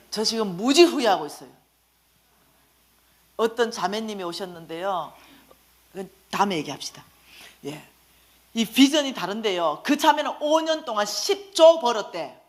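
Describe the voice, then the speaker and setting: Animated middle-aged woman giving a sermon. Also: high-pitched. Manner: animated storytelling, acting out dialogue. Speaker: church finance lecturer. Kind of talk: sermon-style testimony lecture.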